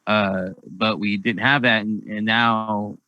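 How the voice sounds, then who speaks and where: A man's voice: lowish voice, fairly even intonation, slow pace, no room sound, muffled recording. A man moderating a round-table discussion, rambling and repeating words as he steers the talk. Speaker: debate host.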